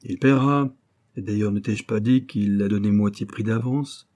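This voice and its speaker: A man's voice: lowish voice, moderate pace, warm tone, close to an everyday voice. A man reading an audiobook and voicing a sly old bailiff's clerk who coaxes and schemes in a knowing, sometimes stern way. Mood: assured.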